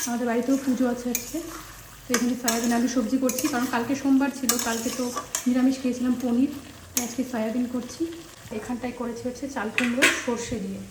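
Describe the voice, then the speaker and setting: A woman's voice: a little high, background noise. A young woman chatting away casually in a home vlog, a mother rambling through her day. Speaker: vlogger and mother. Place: at home, indoors.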